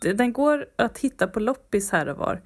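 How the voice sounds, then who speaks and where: A woman's voice: on the high side, big pitch swings. A woman with a Stockholm accent co-hosting a podcast in casual banter, chiming in with short, wry remarks. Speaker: podcast co-host.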